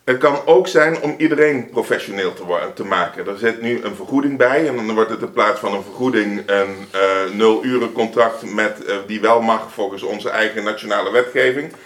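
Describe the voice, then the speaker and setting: A man answering questions in a council meeting, explaining in a measured, slightly halting way. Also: medium pitch. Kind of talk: formal meeting reply.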